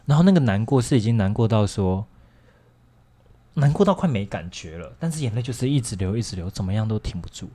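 A man's voice: lowish voice, animated, quick pace, warm tone, breathy edge. A young man with a Taiwanese Mandarin accent, telling a personal story in a casual, rambling way on a chat show. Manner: candid, rambling, frequent restarts and laughs.

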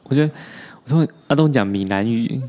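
Joking man, mid pitch. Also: fairly quick, mellow. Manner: joking, teasing, mixes in Taiwanese Hokkien. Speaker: podcast co-host. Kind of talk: casual podcast chat.

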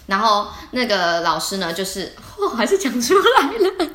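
A woman's voice: mid-range voice, moderate pace, roomy sound. A young adult woman, co-hosting a casual podcast chat and telling stories with lots of laughter. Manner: animated storytelling with frequent laughter. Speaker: podcast co-host.

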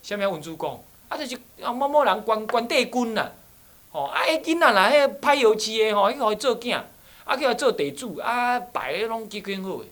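A man's voice: sits high, expressive, moderate pace, a bit bright, pitched above the performer's own voice. A man putting on a coaxing old Taiwanese auntie. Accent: Taiwanese Hokkien. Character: chatty old Taiwanese woman, kindly and insistent.

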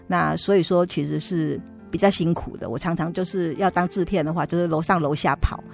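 A middle-aged woman with a Taiwanese Mandarin accent, telling a lively personal story as an interview guest. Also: lowish voice, a little fast, creaky, faint music behind. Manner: lively storytelling, acts out quoted voices. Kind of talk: casual testimony storytelling.

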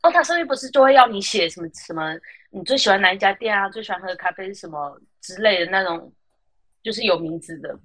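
Animated Taiwanese woman telling stories. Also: mid-range voice, fast. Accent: Taiwanese Mandarin. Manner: animated, acts out the voices of customers and friends. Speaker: podcast host. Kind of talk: casual storytelling chat.

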